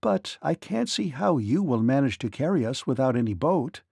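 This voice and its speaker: A man reading a children's story aloud and voicing a brave, cheerful little girl in a slightly higher, earnest voice. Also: big pitch swings, normal speed, vocal fry, darkish tone, husky, no room sound, exaggerated voice. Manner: plucky, earnest.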